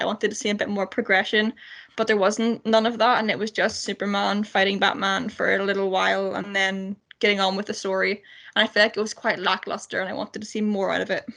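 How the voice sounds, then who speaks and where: A woman's voice: mid-range voice, fairly even intonation, a little fast, creaky, a bit bright. A woman co-hosting a radio film show, criticising a film in a casual, exasperated way.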